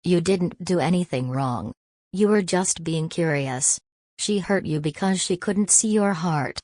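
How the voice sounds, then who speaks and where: A woman's voice: lowish voice, measured pace, a little mellow, no echo, studio quality. A woman voicing a frightened young mother who speaks urgently and pleadingly. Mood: firm.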